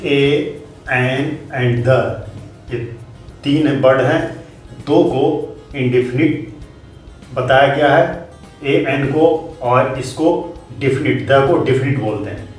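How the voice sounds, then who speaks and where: Man, grammar teacher, slow deliberate explaining, heavy room echo, far from the mic. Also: medium pitch. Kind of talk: classroom lesson. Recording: very echoey room, voice from far off, faint music.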